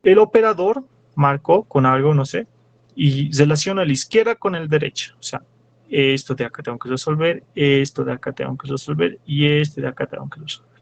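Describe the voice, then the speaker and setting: In a classroom lecture, a young teaching assistant with a Bolivian Spanish accent works through problems step by step and quizzes his students. His voice is on the high side and creaky, and he speaks fairly quickly.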